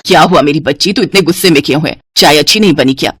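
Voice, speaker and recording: A woman voicing a stern, harsh middle-aged mother-in-law in an animated storybook. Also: low-pitched, fast talker, slight background noise, pitched below the performer's own voice. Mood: doting. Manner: harsh, scolding.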